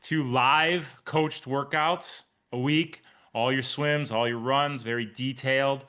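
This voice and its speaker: A man's voice: mid-range voice, fairly even intonation, takes it slowly, sharp tone. A man in his forties, a triathlon coach and podcast host, chatting casually and upbeat on a live video call with his team. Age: 40s. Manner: upbeat, chatty, addresses listeners by name.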